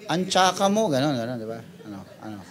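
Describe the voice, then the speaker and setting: Filipino pastor preaching with rising emphasis. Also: male voice, big pitch swings, fast talker. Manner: switches between Tagalog and English, playful and teasing; rises loud and high for emphasis, drops to quiet asides. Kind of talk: sermon.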